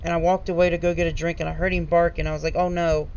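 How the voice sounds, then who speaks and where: Male podcast host, high and gravelly, rambling storyteller, lo-fi mic. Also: little pitch movement, racing, darkish tone. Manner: rambling storyteller with many restarts and fillers. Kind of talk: casual podcast chat. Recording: dull lo-fi mic with faint noise.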